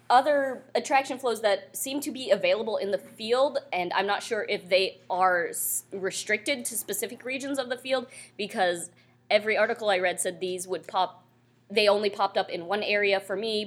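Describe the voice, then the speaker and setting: A woman's voice: mid-range voice, normal speed. A young woman co-hosting a podcast live at a convention panel, chatting casually and rambling with many fillers. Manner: rambling, with frequent fillers and laughs. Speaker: podcast co-host. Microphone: handheld mic.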